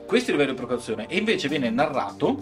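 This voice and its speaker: Male podcast co-host, lively arguer, faint music underneath. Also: medium pitch, fast. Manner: animated, argues with everyday examples and mock quotes. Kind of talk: casual podcast debate.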